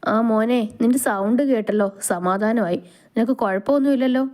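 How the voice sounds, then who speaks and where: A woman's voice: on the high side, fairly quick, mellow, close to an everyday voice. A woman reading the lines of an anxious, devout old grandmother on the phone in a storybook romance. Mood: worried.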